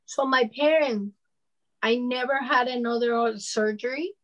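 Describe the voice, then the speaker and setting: A fairly high-pitched woman in her fifties, Venezuelan with a matching Spanish accent, talks about her personal experience as a panelist. She keeps a measured, conversational pace and says "you know" frequently, though the recording sounds muffled.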